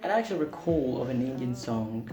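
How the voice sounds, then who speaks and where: A man's voice: medium pitch, expressive, fast. A man whose first language is Portuguese, a singer-songwriter talking candidly and a little self-deprecatingly to camera in a casual vlog. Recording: roomy echo with music behind.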